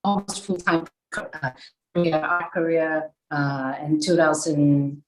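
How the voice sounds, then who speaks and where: Woman artist from hong kong, low voice, slow and hesitant, lots of ums. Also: flat delivery, rough recording. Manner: hesitant, many fillers and restarts. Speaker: exhibiting artist. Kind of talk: halting personal introduction. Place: arts centre gathering.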